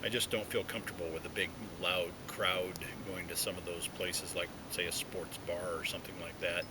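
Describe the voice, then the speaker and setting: Speaking with a pipe clenched in his teeth, a video blogger addresses viewers in a relaxed, thoughtful solo chat from within a hollow tree. His delivery is halting and his tone stays level, while the outdoor recording carries noise and a low rumble.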